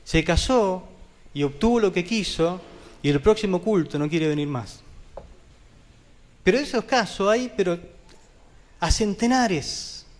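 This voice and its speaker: A man preaching a sermon as pastor, talking vehemently and putting questions to the congregation, with sudden swings from loud high peaks to quiet low drops. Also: expressive, a little slow, pauses often. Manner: addresses the congregation directly with questions. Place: church.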